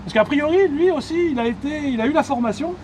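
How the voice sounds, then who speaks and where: A man's voice: very high-pitched, animated, fast, darkish tone, slight background noise. A man, hosting and casually explaining electric cars to a colleague, chatty with many fillers. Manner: chatty, many fillers, asks viewers questions.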